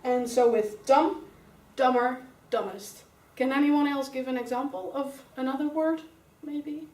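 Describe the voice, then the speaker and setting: A young adult woman, a student teacher with a Dutch accent, leads a grammar lesson in English, working through each rule step by step and calling on pupils by name. Her voice is slightly high, a little mellow, and a bit slow, with fairly even intonation. The mic sits far away, so the sound is roomy and echoey from across the classroom.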